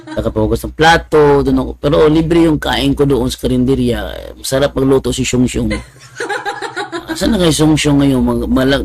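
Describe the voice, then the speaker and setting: A man with a slightly high voice tells church anecdotes in a loose, chatty way. He laughs often and jumps up loud when he imitates someone shouting. His delivery is animated and unscripted. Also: a little hiss or hum. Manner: animated, laughs often, mimics others with a raised voice. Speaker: speaker telling church stories. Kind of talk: casual storytelling talk.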